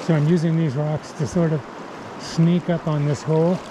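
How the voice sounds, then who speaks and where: Calm man narrating beside a rushing river. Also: a little high. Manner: calm, explanatory, talking to himself between casts. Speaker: fly fishing angler. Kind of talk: casual narration while fishing. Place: outdoors on a river bank. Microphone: head-mounted action camera. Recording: outdoor camera audio with loud river noise. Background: rushing stream water.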